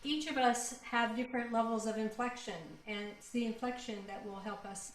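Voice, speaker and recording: A woman's voice: on the high side, fairly quick, echoey room, low-quality recording. A woman co-leading a songwriting workshop over a video call, guiding the group step by step in an upbeat way.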